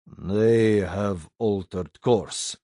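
Man playing a fleet admiral, low-pitched voice, slow clipped commands. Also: warm tone, dry recording, clean studio sound. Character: human male fleet admiral, brisk and commanding. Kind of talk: audiobook character voice.

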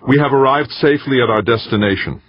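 Defiant new male leader, rousing speech, a male narrator putting him on; husky, lo-fi. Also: mid-range voice, quick pace, no echo, voice pushed up, lightly acted. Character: newly elected male leader, bold and defiant. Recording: dull dry lo-fi recording.

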